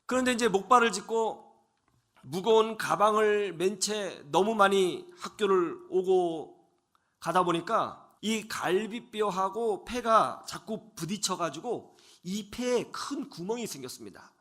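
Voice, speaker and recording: A middle-aged male preacher telling a story in a radio sermon, dramatic, dropping at times to hushed whispers. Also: high voice, lively intonation, unhurried.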